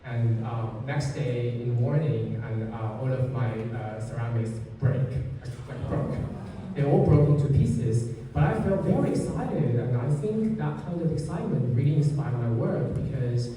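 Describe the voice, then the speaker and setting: A man's voice: mid-range voice, expressive, moderate pace, hardly any pauses, noisy background. A man from China, a sculptor on a gallery panel, speaking hesitantly with many fillers. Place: gallery event space. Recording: echoey hall, distant mic.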